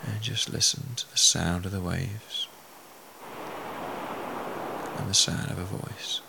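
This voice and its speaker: A man speaking as a hypnotherapist, leading a guided relaxation in a soothing, deliberate way with hushed phrase endings. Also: deep voice, fairly even intonation, vocal fry, background noise.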